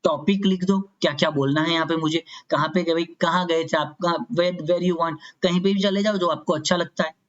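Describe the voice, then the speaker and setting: A man teaching exam preparation in a chatty, reassuring way, often checking in with his viewers and reading example questions slowly. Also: on the high side, steady tone. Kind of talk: casual tutorial explanation. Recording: slightly dull lo-fi audio.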